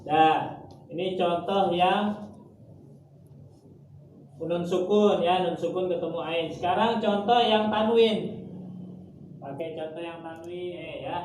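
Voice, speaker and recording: A man teaching Quran recitation in an informal class, patiently repeating rules and slowly chanting drawn-out example words. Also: high voice, darkish tone. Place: gathering room with students. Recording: echoey room, far from mic, noisy.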